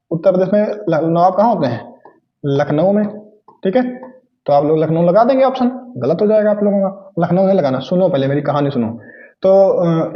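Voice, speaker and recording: A man's voice: high voice, reverberant, dull audio. A man teaching an exam-prep lesson in a casual style, asking questions and answering them himself and repeating key facts. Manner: informal, joking asides.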